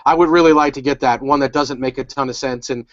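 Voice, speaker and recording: A man's voice: medium pitch, fairly even intonation, fast, no room sound. A man co-hosting a casual recap podcast, talking in a rambling, upbeat way full of restarts. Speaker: podcast co-host. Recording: dull, dry home recording.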